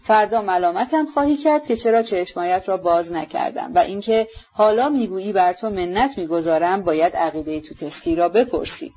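A woman's voice: mid-range voice, a little mellow, dull audio, close to an everyday voice. A woman voicing a proud, bitter and reckless young woman with a scornful, mocking manner, in an audiobook. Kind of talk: audiobook character reading.

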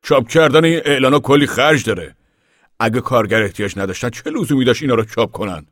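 A man voicing a determined older farmer father who speaks loudly and insistently in an audiobook reading. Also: mid-range voice, dry recording, clean studio sound, voice pushed up, close to an everyday voice. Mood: earnest. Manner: loud, insistent, raised voice.

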